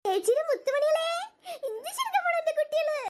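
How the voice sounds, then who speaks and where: Woman voicing cartoon girls and mom, squeaky and very high, bickering and cooing, hissy noisy track. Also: lively intonation. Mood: excited. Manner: fast shouty bickering, coos over babies. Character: chatty young sisters and their mother. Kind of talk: animated cartoon voice acting. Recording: noisy home recording.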